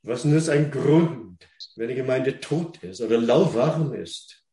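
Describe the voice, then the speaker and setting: A man preaching a sermon in German, which is not his first language. He talks haltingly, repeats words and asks the listeners questions. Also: medium pitch, animated, mellow, roomy sound.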